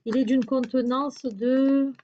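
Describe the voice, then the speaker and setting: Showing off her shopping haul on YouTube, a woman talks casually but haltingly, groping for words and using many fillers. She speaks slowly in a high, mellow voice with fairly even intonation, over lo-fi audio carrying a little hiss or hum.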